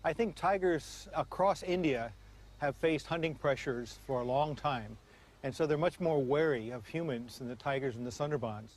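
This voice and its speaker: A man's voice: medium pitch, normal speed. A man giving plain, explanatory expert commentary in a documentary interview. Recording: loud ambient background noise.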